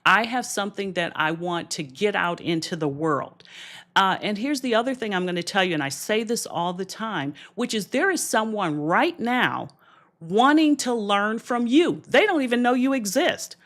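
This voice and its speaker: A woman coaches new business owners over a livestream, her voice sitting at a middle pitch. She talks straight to her viewers in an encouraging, direct way, with frequent asides and checks on whether they follow. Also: animated, normal speed, a bit bright. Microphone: streaming camera setup.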